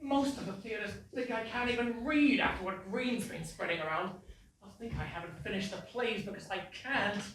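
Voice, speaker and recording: An actor plays a fretful, panicking playwright in a live stage comedy, with a bright, forceful voice. He is heard from a distance in a very echoey theatre, with faint clicks behind him. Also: medium pitch, normal speed, a little hiss or hum, natural voice. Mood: anxious. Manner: anxious, fretful. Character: anxious, panicking William Shakespeare.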